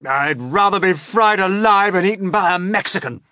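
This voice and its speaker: A man's voice: high-pitched, normal speed, pushed and bright, no echo, clean studio sound, pitched above the performer's own voice. A man voicing an alarmed old grasshopper in a storybook, exclaiming shrilly and frantically. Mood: wailing dread. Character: old green male grasshopper, loud and alarmed.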